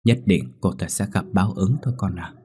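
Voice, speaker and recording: A man's voice: low voice, fairly quick, breathy edge, exaggerated voice. Man voicing a kindly, grieving old village woman. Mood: sorrowful. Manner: gentle, sorrowful.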